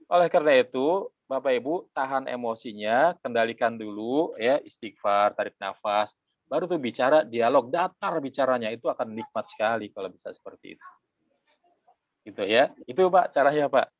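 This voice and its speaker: A man's voice: mid-range voice, no room sound. Middle-aged guy giving a parenting talk, acts out the kids, dry muffled audio. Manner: animated, conversational, acts out parent and child. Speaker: parenting speaker.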